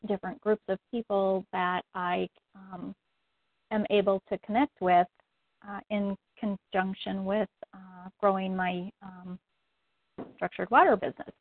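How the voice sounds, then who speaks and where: A woman speaking hesitantly on a coaching call, pausing often with fillers. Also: mid-range voice, creaky, dry recording. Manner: hesitant, many ums. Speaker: coaching student. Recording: tinny phone line.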